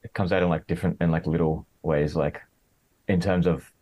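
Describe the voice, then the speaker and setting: A man's voice: low voice, fairly even intonation, fairly quick, warm tone, husky. A man as a podcast guest, talking casually and hesitantly, full of "like" and restarts. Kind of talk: casual interview chat.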